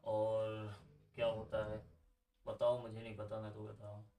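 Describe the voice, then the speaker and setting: A man's voice: lowish voice, completely flat delivery, measured pace, gravelly, warm tone, reverberant, distant mic, low-quality recording. A man teaching a computer lesson in a casual, chatty way, asking his students questions and drifting into side stories.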